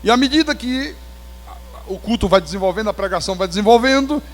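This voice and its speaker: A Brazilian man preaching as a pastor, telling his testimony in an animated storytelling way with touches of humor. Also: sits high, fast talker, big-room sound. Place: church sanctuary.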